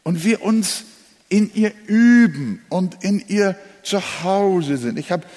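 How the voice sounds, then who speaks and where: A man's voice: high voice, expressive, takes it slowly, a little mellow. A male pastor preaching a sermon, leaning hard on single words and repeating key phrases. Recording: long hall reverb.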